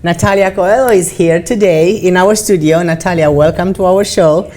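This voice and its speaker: A woman hosts an interview in a studio with an upbeat, encouraging manner. Her voice sits a little lower than most women's. She often checks in with her guest with a quick "right?" at the end of a question. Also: warm tone. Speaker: talk show host. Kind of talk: hosted interview.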